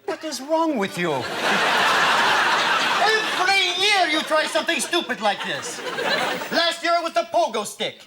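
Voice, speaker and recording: A man's voice: very high voice, big pitch swings, unhurried, long pauses, exaggerated voice. A man playing a bossy, exasperated head chef, scolding in an improvised comedy sketch. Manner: scolding, incredulous. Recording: live stage with loud crowd and noise.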